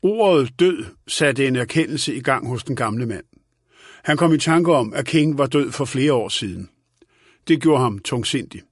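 A man narrates an audiobook in a calm, even, steady reading voice. His voice sits at a middle pitch. The recording is dry and close. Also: breathy edge, no room sound.

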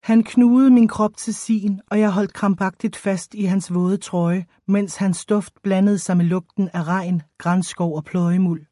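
A woman reading a first-person audiobook in a measured, expressive storytelling way, close to the microphone. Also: medium pitch, no echo. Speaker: audiobook narrator.

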